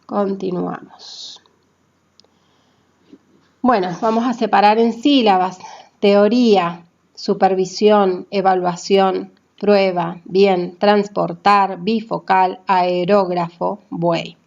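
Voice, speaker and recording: Slow, deliberate woman teaching grammar. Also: medium pitch, steady tone, creaky, darkish tone, muffled recording. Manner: deliberate, spells out letters and syllables, checks in with "¿sí?". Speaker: language teacher. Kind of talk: classroom grammar explanation.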